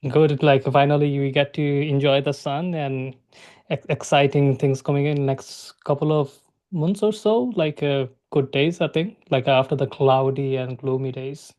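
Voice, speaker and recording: A man's voice: medium pitch, fairly even intonation, unhurried, darkish tone. A man hosting an interview podcast, talking eagerly with loose grammar and frequent "like". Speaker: podcast host.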